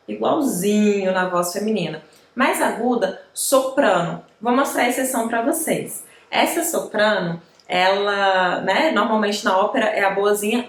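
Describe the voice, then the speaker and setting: Chatty woman teaching music, echoey room. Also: medium pitch. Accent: Brazilian Portuguese. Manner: chatty, explanatory, frequent tag questions. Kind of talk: online music lesson.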